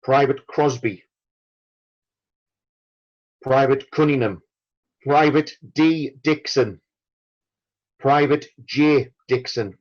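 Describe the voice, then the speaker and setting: With a pause following every entry, a man chairing a veterans' branch reads the memorial roll call in a grave, formal manner. He goes extremely slowly, at an average male pitch, and the sound is somewhat dull and lo-fi.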